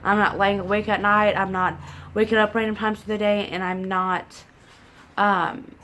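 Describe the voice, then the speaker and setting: In her living room, a young pregnancy vlogger from southern Indiana chats casually to a camera set at desk distance, rambling and poking fun at herself. She sounds congested, with a mid-range, level, slightly bright voice at a moderate pace. There's a little background noise.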